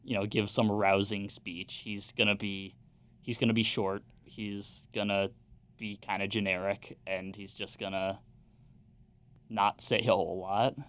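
A young man on a sports podcast, calmly analyzing a college football team. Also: on the low side, smooth. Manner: measured, analytical. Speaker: podcast co-host, sports reporter.

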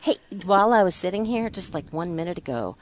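Chatty woman radio host, croaky voice. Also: fairly low pitch, sing-song, fast, a little mellow, a little hiss or hum. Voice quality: slightly croaky voice. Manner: laughs often, chatty and bubbly. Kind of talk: casual call-in radio chat.

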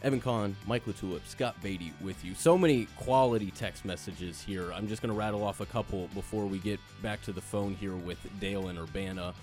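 A man's voice: on the low side, fairly quick, few pauses, darkish tone, faint music behind. A man hosting a sports radio postgame show, moving through texts and sponsor reads.

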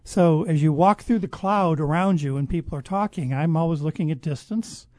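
A man speaking as a guest expert in a conversational interview, explaining at length in a measured way and often restarting his sentences. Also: on the high side, a little mellow, no echo. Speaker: guest expert on public health.

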